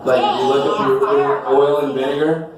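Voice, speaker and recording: A male stand-up comedian rambling through a self-deprecating set, sweating heavily, with bursts of shouted high voices. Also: flat delivery, normal speed, distant mic, over music. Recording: echoey venue mic heard from afar with crowd. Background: audience.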